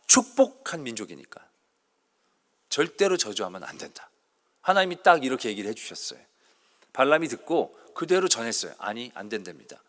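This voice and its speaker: Animated male pastor preaching in reverb. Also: medium pitch. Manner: storytelling retelling of scripture, growing emphatic. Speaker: guest pastor. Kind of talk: sermon. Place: church sanctuary.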